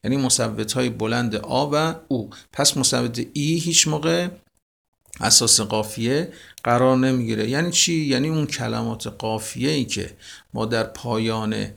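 A man teaching a lesson on rhyme in Persian poetry. He poses questions, answers them himself and praises his listeners, and he recites verses slowly and with weight. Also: medium pitch, gravelly, a bit bright.

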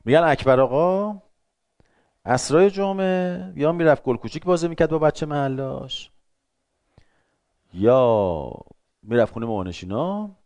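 A middle-aged man giving a lively talk to an audience, acting out short everyday dialogues in shifting voices. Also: fairly high pitch, pauses often, no echo. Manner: acts out little dialogues in changing voices.

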